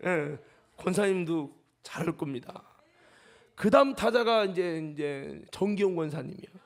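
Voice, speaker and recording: A man preaching a Sunday afternoon sermon as senior pastor, swinging from hushed whispers to shouted peaks and joking with his congregation. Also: high voice, animated, normal speed. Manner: jokes with and calls on congregation members; leads the congregation in crying out.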